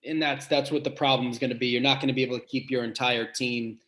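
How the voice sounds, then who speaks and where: A man with a big voice who is a head basketball coach, answering podcast questions earnestly and thinking aloud with pauses and restarts. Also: medium pitch, steady tone, a bit bright.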